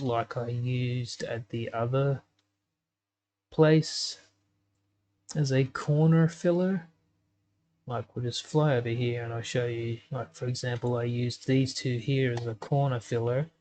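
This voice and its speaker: A man's voice: medium pitch, fairly even intonation, takes it slowly, a little mellow. A man giving casual commentary while editing a game map, thinking aloud with lots of ums. He has the hiccups. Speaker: gaming YouTuber.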